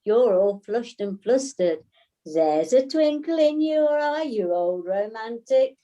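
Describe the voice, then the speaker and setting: A woman's voice: fairly high pitch, animated, slow, mellow, dull audio. A woman playing a doting, meddling matchmaker figure who coos, on a video call. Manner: cooing, doting.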